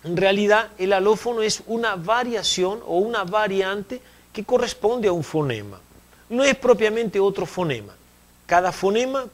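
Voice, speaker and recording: Explanatory man lecturing on phonology. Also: high voice. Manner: explanatory, repeats key terms, checks understanding with "¿eh?". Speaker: university Spanish lecturer. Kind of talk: recorded distance-learning lecture.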